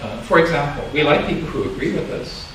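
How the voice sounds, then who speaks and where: A man's voice: a little high, expressive, brisk, fairly bright tone. A man in his sixties from Los Angeles giving a conversational, self-deprecating dharma talk as a Buddhist minister, chuckling often. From Los Angeles, USA. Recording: echoey room, distant mic, background noise.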